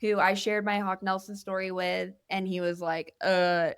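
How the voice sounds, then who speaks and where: Young adult woman, podcast guest, candid rambling chat, clean smooth voice, dry sound. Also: medium pitch, flat delivery, normal speed, no room sound. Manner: candid and earnest, rambling with many fillers. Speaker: guest musician. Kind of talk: casual podcast interview. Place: indoor podcast studio.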